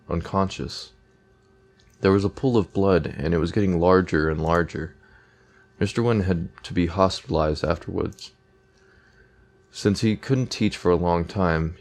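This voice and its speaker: A man commentating a game playthrough, reading the on-screen dialogue aloud between casual remarks. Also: sits low. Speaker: let's play gamer.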